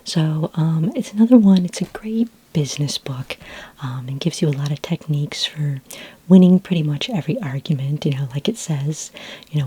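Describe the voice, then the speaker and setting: An ASMR roleplay performer whispers in a breathy, low-pitched woman's voice, playing a friendly, patient librarian at a futuristic library. Her soft-spoken delivery is gentle, helpful, and a little hesitant, with computer keyboard typing in the background.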